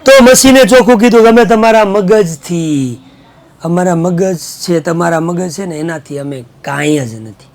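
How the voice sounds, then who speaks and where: Lively teacher guy, high voice with lots of gravel, gets the class chanting back at him. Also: normal speed. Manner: animated, mixes in Hindi and English, makes students chant answers. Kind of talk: online class lecture.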